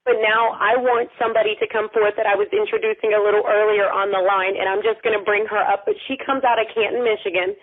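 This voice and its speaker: A woman of middle pitch hosts a promotional conference call and addresses her listeners effusively in long run-on sentences. Her voice comes through a thin, narrow phone line. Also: fairly even intonation, fast talker, few pauses. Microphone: telephone.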